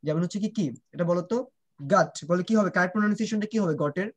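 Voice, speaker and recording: A man's voice: high voice, very fast. A man teaching children pronunciation in an online class. He drills sounds and keeps asking whether the students understand, switching between Bengali and English.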